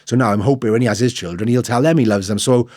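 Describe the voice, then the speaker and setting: A man's voice: medium pitch, fast, a little mellow, no room sound, clean studio sound. A middle-aged man with a South Wales accent, telling his personal story candidly and earnestly, repeating phrases and acting out remembered conversations. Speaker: interview guest, motivational speaker.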